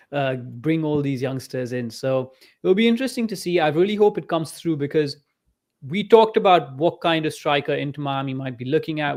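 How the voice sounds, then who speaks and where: A man co-hosting a casual podcast, enthusiastic and laughing easily. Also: on the high side. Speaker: podcast co-host. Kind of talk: casual chat.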